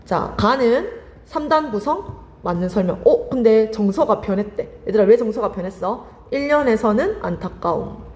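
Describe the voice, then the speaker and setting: A woman's voice: a little high, lively intonation, moderate pace, darkish tone, in a large hall. A woman teaching Korean literature for exam prep, firing questions at her students and answering them herself. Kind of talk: lively exam-prep lecture.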